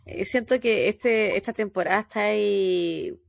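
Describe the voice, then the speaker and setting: A woman's voice: mid-range voice, a little slow, creaky, dry recording, clean studio sound. A woman with a Chilean accent, co-hosting a podcast, teasing and laughing in slangy casual chat. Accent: Chilean Spanish. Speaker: podcast co-host.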